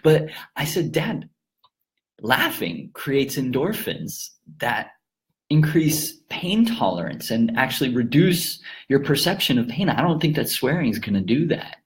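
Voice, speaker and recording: Man, laughter yoga teacher, gentle and unhurried, frequent easy laughs, explaining to camera. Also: medium pitch, sing-song. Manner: gentle, often breaks into laughter.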